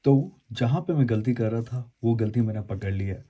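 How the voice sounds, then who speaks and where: Speaking at normal speed in a mellow, mid-range voice, a man hosts a casual unboxing and review video with dull audio. He rambles as he explains the product to viewers, often repeating and correcting himself.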